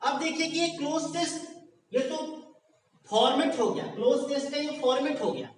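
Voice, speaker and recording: A man's voice: very high-pitched, moderate pace. A man teaching an exam-prep class, explaining patiently and repeating phrases with frequent check questions. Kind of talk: exam coaching lesson. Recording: very echoey room, mic far off.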